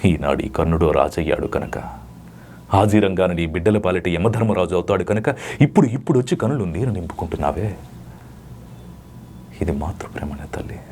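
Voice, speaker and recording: A man's voice: sits low, expressive, a little fast, darkish tone, a little hiss or hum. A man voicing a proud warrior prince who reproaches his mother in solemn, theatrical mythological dialogue. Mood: grieving reproachful. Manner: solemn, reproachful dramatic recitation.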